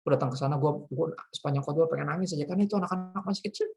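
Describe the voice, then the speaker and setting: A man from Jakarta with a Jakarta accent, a pastor giving a casual youth sermon in lively slangy street talk. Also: on the high side, racing, creaky. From Jakarta, Indonesia.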